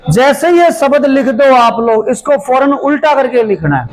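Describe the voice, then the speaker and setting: A man teaching a maths lesson, going through each step slowly and repeating it while he writes it out. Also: extremely high pitch, animated, low-quality recording. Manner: slow, repeats steps as he writes. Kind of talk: classroom lesson explanation.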